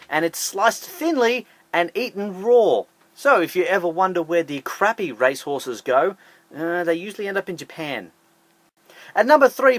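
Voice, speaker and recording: A YouTube host with a high, fairly bright voice narrates a scripted countdown list for an online video, upbeat and emphatic with jokey asides. The recording has no echo.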